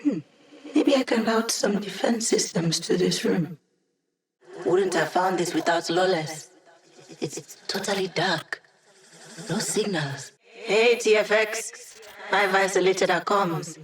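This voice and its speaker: Video game support role: actress as young female hacker living as data, wry, casual and teasing, upbeat, medium pitch. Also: slow, lightly acted. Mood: wry, playful. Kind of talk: video game voice lines over comms.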